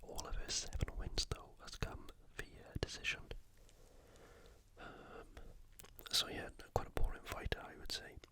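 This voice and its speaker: An ASMR sports preview is delivered by a British video host in a quiet, breathy whisper. The pace is relaxed and unhurried, and the tone remains soft and hushed from the United Kingdom speaker.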